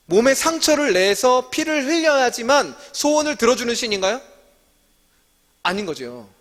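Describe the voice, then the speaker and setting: A man's voice: high-pitched, fairly bright tone. Korean man teaching in a reverberant church hall. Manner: asks the audience many questions and answers them himself. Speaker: staff teacher leading a Bible study. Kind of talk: interactive sermon teaching.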